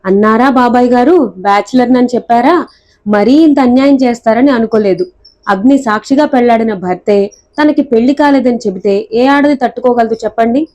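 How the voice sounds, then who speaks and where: A brisk, clever young woman who switches between scolding and mock tears, voiced by a woman reading a novel aloud. Her voice sits a little high, with a soft, mellow tone. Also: lo-fi sound, natural voice. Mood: mock-tearful. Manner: sharp, scolding, theatrical pleading.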